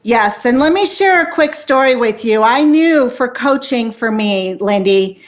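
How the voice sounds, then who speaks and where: Fifties female life coach, motivational chat guest, slightly high pitch, dull muffled audio. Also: expressive, a little slow. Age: 50s. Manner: earnest, motivational, with restarts. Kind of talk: casual interview chat.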